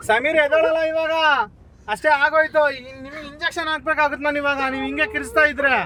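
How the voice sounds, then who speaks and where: Prankster man, very high and bright voice, pushy and teasing, in a car with faint road hum. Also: little pitch movement, fast talker. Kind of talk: hidden-camera prank talk. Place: inside a car.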